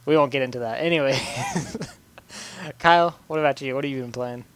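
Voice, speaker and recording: A man's voice: mid-range voice, normal speed, fairly bright tone, no room sound. A young man hosting a casual gaming podcast, loose and joking, laughing often and trailing off with fillers. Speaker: podcast host.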